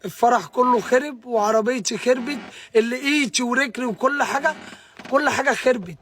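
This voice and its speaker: A man's voice: extremely high pitch, brisk, fairly bright tone. A distraught young man with an Egyptian accent, ranting live to viewers, stammering and repeating himself as he answers their comments. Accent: Egyptian Arabic. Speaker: livestreamer.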